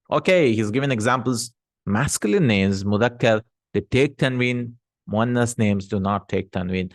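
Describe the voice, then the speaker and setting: A man's voice: fairly low pitch, dry recording. A man giving a recorded language lesson, patiently explaining words and drilling lists aloud, with chatty asides along the way. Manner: chatty asides, laughs at himself. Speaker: Arabic teacher.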